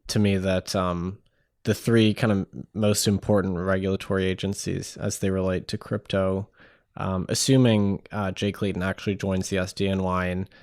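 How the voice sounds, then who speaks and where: A man hosting an interview podcast, talking in a relaxed, halting way with many fillers. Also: sits low, dry recording, studio quality. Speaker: podcast host.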